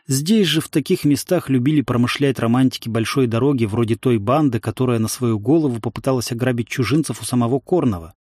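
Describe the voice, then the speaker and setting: A man's voice: mid-range voice, darkish tone, no room sound. Man narrating a story in a dry voice. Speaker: audiobook narrator. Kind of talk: scripted narration.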